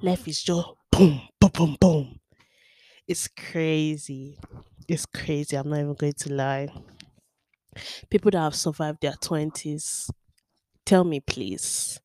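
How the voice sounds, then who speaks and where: A young woman in her twenties speaks in a notably low voice, with a dry, close sound and no room around it. She talks through her solo podcast in a frank, rambling way, often dropping to a near mutter and then rising again. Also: slow, pauses often, mellow, no room sound. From Nigeria. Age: 20s. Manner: chatty and frank, with many fillers and volume swings. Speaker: podcast host. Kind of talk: candid solo podcast monologue.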